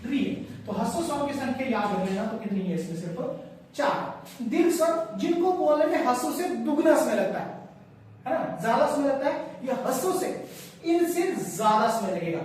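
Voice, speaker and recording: A man with a very high, animated voice lectures on Hindi grammar in a classroom at normal speed, repeating key points and quizzing his listeners. The recording is very echoey, with a distant mic and faint hiss.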